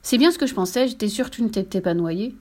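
A woman voicing a lively, boastful little girl who is very strong, in a storybook reading. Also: mid-range voice, fast talker, natural voice. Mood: excited. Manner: excited, exclamatory.

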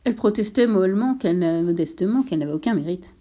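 Woman reading a storybook, mellow. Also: mid-range voice, animated, quick pace. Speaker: narrator.

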